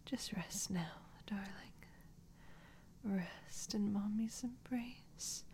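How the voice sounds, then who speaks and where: A woman playing a tender, doting motherly figure in a whispered role-play, soft and breathy, hushing and cooing soothingly. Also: medium pitch, extremely slow.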